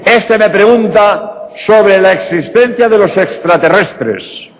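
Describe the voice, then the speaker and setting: A man's voice: sits high, takes it slowly, slight background noise. A man from Spain with a Spanish accent, a priest answering audience questions bluntly with rhetorical questions. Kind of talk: public lecture Q&A. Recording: reverberant hall, dull lo-fi sound.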